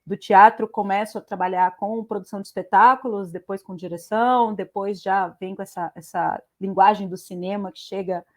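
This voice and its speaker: Woman on a video call, mellow soft voice, chatty and a bit hesitant. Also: mid-range voice, steady tone, moderate pace, few pauses. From Bahia, Brazil. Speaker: film director on a panel. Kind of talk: casual panel introduction.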